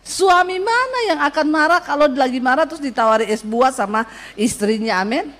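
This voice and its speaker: A woman preaching a sermon, telling stories with lively quoted voices and calling to her congregation for an amen. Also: sits high, fairly quick.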